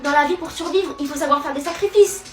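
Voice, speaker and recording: A woman's voice: high-pitched, fast talker, soft background music. A woman acting in a comedy sketch, scheming and confiding asides to the viewer. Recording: roomy, mic at a distance.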